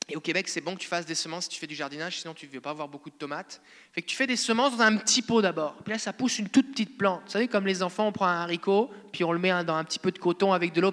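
French-accented male pastor, high bright voice, casual playful sermon, long church-hall reverb. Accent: French (France). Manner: conversational, playful preaching.

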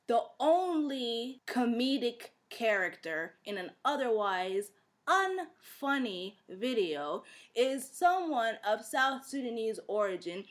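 Female podcast co-host, slightly high voice, heated animated ranting. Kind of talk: casual podcast chat.

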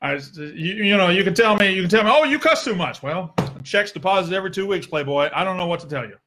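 A man's voice: high-pitched, quick pace, sharp tone. A man hosting a sports podcast, ranting in a heated, sarcastic way and swearing freely. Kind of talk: opinionated sports rant.

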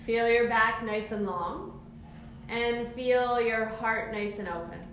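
Slow, echoey woman leading a calm grounding exercise. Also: fairly high pitch. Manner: soothing, encouraging, unhurried step-by-step cues. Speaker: movement and mindfulness instructor. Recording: very echoey room, faint background noise.

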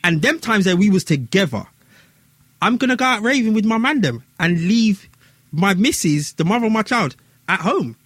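Man, London roadman accent, emphatic slangy storytelling, lively swooping pitch, raspy tone, dry close sound. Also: moderate pace, dry recording. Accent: London, urban street. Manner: heavy street slang, emphatic, repeats phrases for emphasis. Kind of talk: casual storytelling in conversation.

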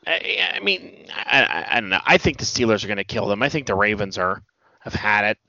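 A middle-aged man co-hosting a podcast in casual chat, a rambling, animated storyteller who restarts sentences. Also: lowish voice, brisk, vocal fry, dry recording, highs cut off. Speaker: podcast co-host.

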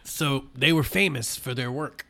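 A man's voice: medium pitch, unhurried, gravelly, bright, forceful tone. A man chatting casually with a friend, easygoing and adding short remarks. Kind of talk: casual conversation.

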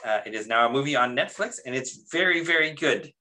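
A man's voice: mid-range voice, lively intonation, brisk, sharp tone, poor audio. A man co-hosting a casual book-club podcast, explaining at length and using lots of "like". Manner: talkative, explanatory, heavy on "like". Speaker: podcast co-host.

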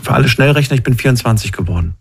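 Male call-in host in his thirties, casual and probing, mid-pitched voice, stumbles into his questions. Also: expressive, very fast, gravelly, slightly rough. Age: 30s. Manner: probing, repeats himself when asking questions. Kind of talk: casual phone-in chat.

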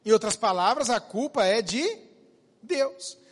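A Brazilian man preaching a sermon as a pastor, animated, swinging from loud to hushed. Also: sits high, measured pace, long reverb tail. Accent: Brazilian Portuguese.

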